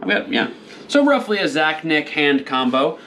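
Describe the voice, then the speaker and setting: Casting: tipsy man hosting a cooking demo, crude deadpan humor, faint background noise. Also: fairly high pitch, normal speed. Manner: crude deadpan jokes, rambling asides. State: a little tipsy, slurring slightly. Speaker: cooking show host. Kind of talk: joking cooking demonstration.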